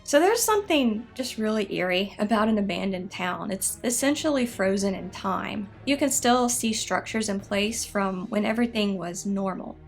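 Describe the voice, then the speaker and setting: A woman narrating scripted spooky history stories in a measured, explanatory way. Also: medium pitch, lively intonation, faint music behind. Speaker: narrator of a haunted history show.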